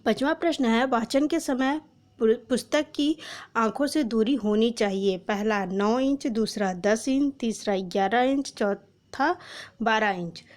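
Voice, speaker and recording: A woman's voice: fairly high pitch, unhurried, darkish tone. A woman teacher giving an exam prep lesson, reading out quiz questions, numbering each option and then announcing the correct answer.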